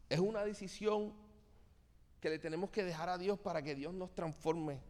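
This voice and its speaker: A man's voice: fairly high pitch, darkish tone, in a large hall. A man from Cuba preaching a sermon to a church congregation, speaking earnestly and turning often to address his listeners directly. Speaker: pastor.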